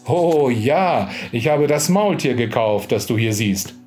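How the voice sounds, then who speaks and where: Ein Mann als alter, leichtgläubiger Pfarrer in einer Hörgeschichte, der ungläubig und empört aufschreit. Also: male voice, medium pitch, lively intonation, a little slow, a little mellow, faint music behind, lightly acted. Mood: guileless. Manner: exclaims in indignant disbelief. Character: old, gullible village priest.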